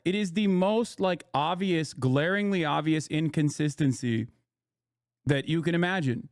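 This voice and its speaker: A man's voice: a little high, clear, resonant tone, no room sound, clean studio sound. A man hosting a live stream, ranting to his chat in a profane, emphatic way. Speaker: streamer host reacting to news. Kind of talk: casual live-stream commentary.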